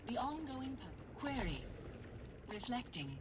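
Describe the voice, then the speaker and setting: Glitching robot oracle. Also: female voice, a little high, unhurried, background noise. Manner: flat, clipped machine announcements that break into errors. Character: female analysis machine, cold and mechanical. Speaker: oracle machine in a video game.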